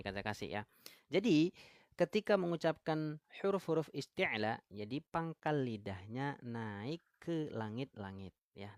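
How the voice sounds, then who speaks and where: A man's voice: mid-range voice, clean tone, no echo. Indonesian man teaching tajwid live. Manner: asks viewers questions, reads out comments. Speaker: Quran recitation teacher. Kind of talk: live-stream tajwid lesson. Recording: live stream, dry close mic.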